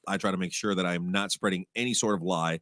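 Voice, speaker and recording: A man's voice: sits low, steady tone, fast, fairly bright tone, no room sound, clean studio sound. A man co-hosting a podcast in casual chat, earnest and careful, often repeating himself. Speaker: podcast co-host.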